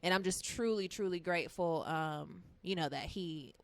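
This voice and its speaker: A woman's voice: on the low side, normal speed. A woman guest, a singer, telling stories in a casual interview, chatty and full of fillers and acted-out quotes.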